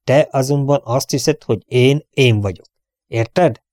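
A man's voice: medium pitch, a little mellow, dry recording, studio quality, natural voice. A man voicing a cheerful, dignified prince who turns mock-stern. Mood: jovial. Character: jovial, dignified, scheming male prince.

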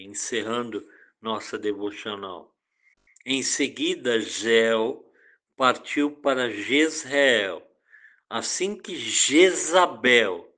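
A male pastor with a Brazilian Portuguese accent leads a devotional Bible reading. He speaks very slowly and deliberately, pausing often between phrases. His voice sits at an ordinary middle pitch for a man. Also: a bit bright. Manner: slow, deliberate, reads scripture aloud with pauses.

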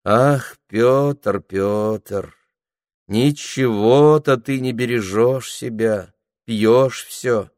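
A man's voice: lowish voice, sing-song, slow pace, no echo, studio quality, full character voice. A man reading a novel aloud, voicing a bold, sly village woman who coaxes and reproaches in a sing-song way. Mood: coaxing.

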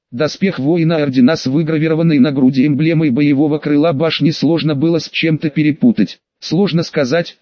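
A man narrates a fantasy audiobook in the first person, keeping a steady, measured pace. His voice sits fairly high for a man. The recording is close and dry, with a slightly muffled, lo-fi tone. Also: no echo. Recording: dull, dry studio sound.

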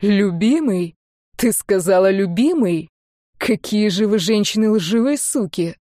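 A woman voicing a cruel, mocking adult male duke who talks slowly with contempt. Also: medium pitch, animated, dark tone, dry recording, studio quality, natural voice. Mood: furious. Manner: slow, sneering and contemptuous.

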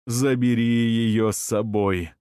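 A man's voice: mid-range voice, fairly even intonation, slow, a little mellow, smooth, no echo, studio quality, lightly acted. A man reading an audiobook, voicing a fervent, zealous man urging someone on with intensity.

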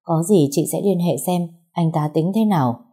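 Woman reading as an older sister, firm, guarded, low warm voice, audiobook. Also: normal speed, slightly rough.

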